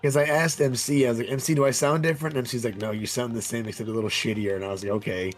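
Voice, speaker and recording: A man whose voice sounds worn down and gravelly, husky from hoarseness. He chats in a laid-back way on a game stream, with faint music playing underneath. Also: mid-range voice, steady tone, very fast. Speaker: friend in a game stream chat. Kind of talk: casual chat.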